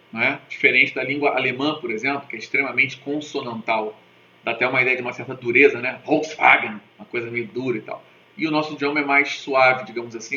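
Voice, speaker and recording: A man teaching a lesson in a very bright, forceful voice, checking in with his viewers after nearly every point. He spells out sounds and asks them to repeat along. The recording is dull and lo-fi, with a roomy echo and a faint hiss. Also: medium pitch. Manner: didactic, keeps checking in with "tá?" and "né?". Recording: echoey, dull lo-fi room recording with faint noise.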